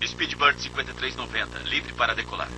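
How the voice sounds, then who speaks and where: A clipped tower controller over radio. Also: male voice, medium pitch, fairly quick. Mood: routine. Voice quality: clipped, formulaic radio phrasing. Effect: radio transmission from the control tower. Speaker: air traffic controller. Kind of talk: dubbed documentary reenactment. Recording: distant radio voice under loud noise.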